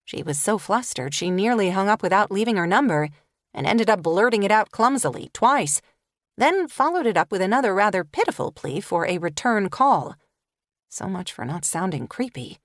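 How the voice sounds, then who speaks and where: A woman narrates a novel aloud as an audiobook reader, telling the story expressively in scripted narration. Her voice is medium-pitched and moderately paced, captured in a dry, clean studio recording.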